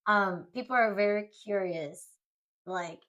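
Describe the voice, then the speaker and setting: A woman hosting a podcast, chatty and quick to laugh, asking her husband questions in a casual conversation. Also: medium pitch, fairly bright tone, highs cut off. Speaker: podcast host. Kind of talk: casual chat.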